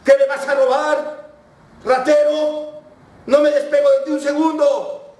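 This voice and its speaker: Brief: a man playing an excitable taxi driver, shrill and shouting, in a roomy space with a distant mic. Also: a little slow, lightly acted. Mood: shouting, suspicious. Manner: shouts accusations in a high, strained voice. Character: poor lonely taxi driver, excitable, suspicious.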